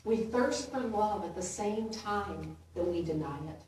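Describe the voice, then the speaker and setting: A woman minister giving a gentle, unhurried sermon, laughing lightly at her own jokes. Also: mid-range voice, a little hiss or hum. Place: church sanctuary. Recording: roomy echo from far off.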